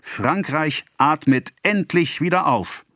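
Guy reading out a pompous official speechifying, way higher than his normal voice, slow and loud, dry audiobook sound. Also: lively intonation, no echo, heavily acted. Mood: declaiming. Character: pompous male government official giving a speech.

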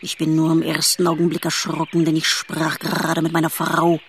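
A woman voicing a dignified male grasshopper with a rattling, raspy voice, speaking slowly and deliberately. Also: deep voice, monotone, slight background noise, close to an everyday voice. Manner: slow and deliberate.

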